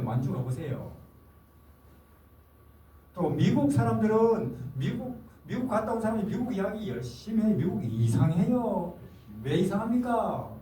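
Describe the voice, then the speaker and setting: Older male missionary preacher, high and mellow, emphatic, asks and answers himself; distant mic, roomy hall, faint hiss. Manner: earnest, emphatic, asks and answers his own questions. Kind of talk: sermon. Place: forum hall.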